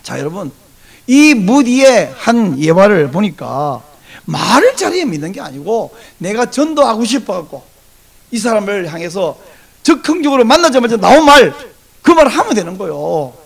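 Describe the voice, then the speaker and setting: A male pastor preaching a Sunday sermon with a high, gravelly voice. His pitch swings widely as he tells stories. He slips into little voices to act out conversations. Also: normal speed. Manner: animated storytelling, acts out dialogue in varied voices.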